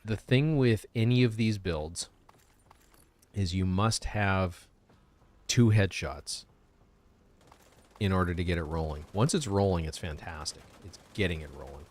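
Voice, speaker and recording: Man, low pitch, live streamer, casual gameplay commentary. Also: unhurried, pauses often, darkish tone.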